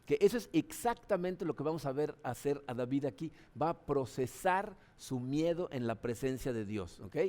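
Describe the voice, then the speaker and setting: A man's voice: lively intonation, moderate pace, hardly any pauses, a little mellow. A man, a Mexican pastor, preaching a sermon in a conversational way, often tagging his sentences with a questioning "no?". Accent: Mexican Spanish. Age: adult, father of children. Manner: conversational preaching, frequent "¿no?" tags; acts out voices with sudden high pitch jumps.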